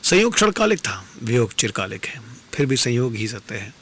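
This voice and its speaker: A man performing dastangoi, voicing a calm, detached wandering stranger who consoles the queen with measured, philosophical words. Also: mid-range voice, husky. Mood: consoling. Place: radio studio.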